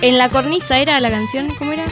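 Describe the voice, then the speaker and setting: A woman's voice: high voice, fast, over music. A woman chatting casually and a bit hesitantly in a group game. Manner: hesitant, chatty, often laughing.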